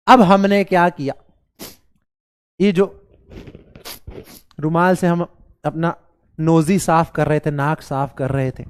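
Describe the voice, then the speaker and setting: A male teacher with a slightly high voice, hoarse from a cold and coughing, runs a live online class in a Bihari accent. He playfully coaxes the children and keeps repeating his questions to them.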